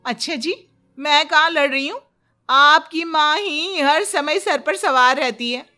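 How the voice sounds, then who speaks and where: A woman voicing a quarrelsome, sharp-tongued young wife who complains and retorts in a cartoon moral story. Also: high voice, slow, soft background music, pitched above the performer's own voice, heavily acted. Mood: indignant, complaining.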